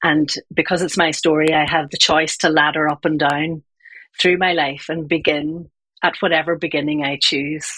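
Husky low-voiced woman explaining. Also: level tone, moderate pace, fairly bright tone, no echo, rough recording. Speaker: interview guest, communication coach. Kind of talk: conversational explanation.

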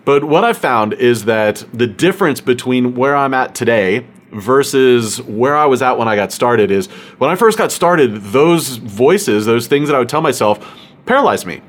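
An earnest male host speaking to his audience in a casual, conversational way. His tone is reflective and encouraging, and his voice sits at an everyday middle pitch. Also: expressive, normal speed. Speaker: host of a podcast for accountants.

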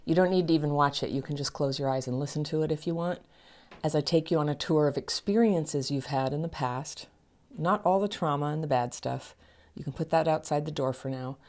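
A woman who works as a trauma healing coach, speaking straight to her viewers in an earnest, encouraging self-help talk, with a soft laugh now and then. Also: sits low, fairly quick.

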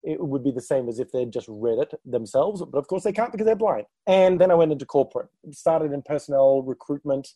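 A man who grew up in Malaysia, a guest on a podcast, telling his career story in a relaxed way. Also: a little high, brisk, few pauses, dry recording. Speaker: guest speaker. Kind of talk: interview conversation.

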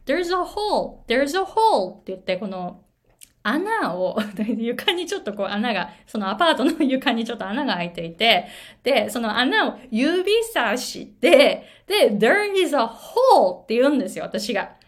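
A woman's voice: on the high side, moderate pace. A middle-aged woman from Japan, coaching English pronunciation in a casual video lesson and telling stories animatedly. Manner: animated storyteller, switches between Japanese and English.

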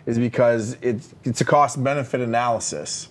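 A man's voice: medium pitch, moderate pace. Male podcast co-host, emphatic coaching delivery, lots of "right?" check-ins, casual. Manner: energetic, emphatic, lots of fillers and "right?" tags. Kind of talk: casual leadership podcast chat.

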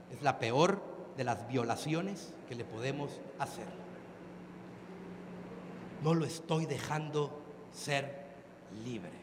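A man's voice: mid-range voice, background noise. A man with a Mexican accent giving a live motivational talk. He speaks emphatically, throws questions at the audience and uses crude slang. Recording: long hall reverb, faint ambience.

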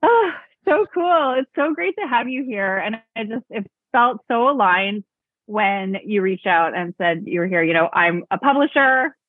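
This woman, a podcast host and book publisher, conducts a casual interview with gushing enthusiasm and frequent laughter. Her mid-range voice is expressive and unhurried, carried over tinny, phone-like call audio.

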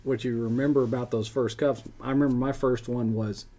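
A man's voice: mid-range voice, steady tone, brisk, dark tone. A man co-hosting a podcast in a casual chat, full of friendly, teasing banter. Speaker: podcast co-host.

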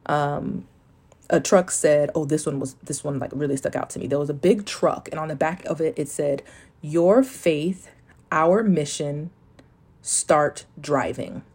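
A woman's voice: low-pitched, steady tone, moderate pace, mellow, husky. An American woman talking candidly and informally, with rambling asides and some swearing, as she reads journal notes and comments on them. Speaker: host telling of a spiritual awakening. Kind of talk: casual solo chat, reading journal entries aloud.

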